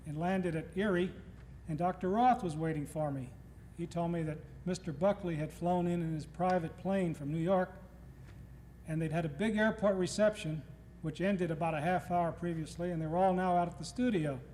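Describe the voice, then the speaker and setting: This guest lecturer, a middle-aged Nashville, Tennessee native, has a fairly high, slightly mellow voice at normal speed. Before an audience in a lecture hall, he delivers a humorous lecture full of stories, voicing the people he quotes. It's an old tape recording with hall reverb and faint noise.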